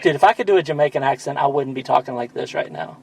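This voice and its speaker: A man's voice: medium pitch, quick pace, creaky, a little hiss or hum. A man hosting a podcast in casual chat, rambling and profane, with self-deprecating asides. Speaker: podcast host.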